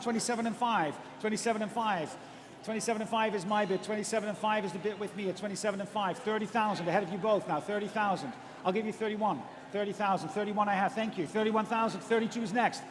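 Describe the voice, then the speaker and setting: Male auctioneer, high voice, chanting numbers and courteous bid prompts at speed; long room reverb. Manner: rapid, repetitive chanting of figures with polite prompts to bidders. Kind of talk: live auctioneer's bid calling.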